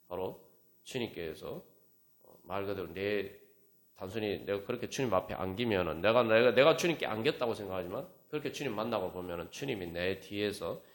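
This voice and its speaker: A man preaching as pastor at a Friday prayer meeting, talking conversationally and prodding his listeners with rhetorical questions. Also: mid-range voice. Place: church sanctuary. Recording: echoey church room with faint instrument music.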